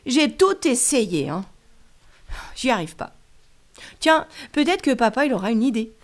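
A woman's voice: a little high, sing-song, a little slow. Woman doing a fretful sleepless little boy. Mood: whiny. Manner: sighing, whining, lots of fillers.

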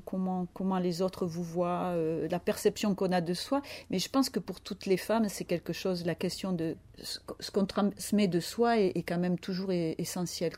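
Reflective woman in her fifties, mellow. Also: on the low side. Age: 50s. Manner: reflective, searching for words. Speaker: author and interview guest. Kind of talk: interview conversation.

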